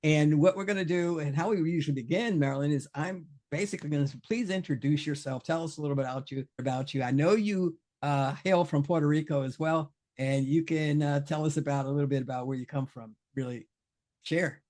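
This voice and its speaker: A man hosting a podcast interview, relaxed and rambling, often repeating words. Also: on the high side, a little fast. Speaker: podcast host. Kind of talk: casual interview.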